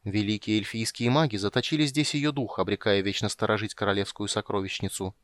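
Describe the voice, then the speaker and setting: A man narrating a fantasy audiobook with steady storytelling on a close studio mic. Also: lowish voice, a little fast, no echo.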